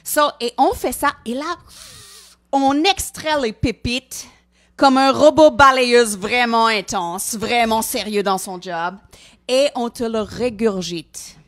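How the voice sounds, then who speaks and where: A woman's voice: a little high, slow pace, a bit bright. A woman with a Quebec French accent co-hosting a comedy podcast, emphatic and mock-salesy, sprinkling English words into her French. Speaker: co-host of a live book podcast. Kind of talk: playful live comedy banter.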